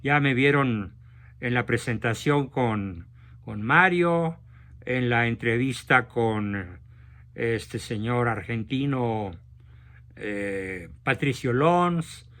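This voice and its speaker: A man's voice: medium pitch, expressive, drawn-out words, fairly bright tone. A man with a Mexican accent hosting a session, telling a fable in a frank, direct manner. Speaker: host of a talk session. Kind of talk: storytelling talk.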